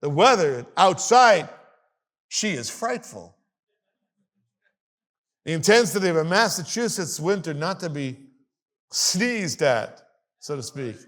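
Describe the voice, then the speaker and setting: A man giving a sermon-style history lesson to a congregation, emphatic and animated, with wry asides, reading a document aloud and commenting on it. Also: fairly high pitch, unhurried. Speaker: congregation teacher. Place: congregation meeting hall.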